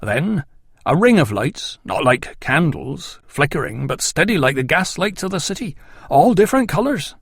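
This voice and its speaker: A man voicing an earnest, excitable male farmer who speaks with awe. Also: fairly high pitch, moderate pace, gravelly, breathy edge, no room sound, clean studio sound, exaggerated voice. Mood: awed. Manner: eager, awed, excitable.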